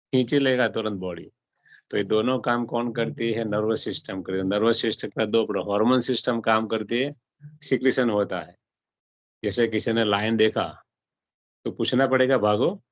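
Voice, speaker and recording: Low-ish guy teaching a spiritual class, keeps asking the room questions, dry sound. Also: no echo. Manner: asks the audience questions and mixes in English words. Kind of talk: explaining a religious text to a class.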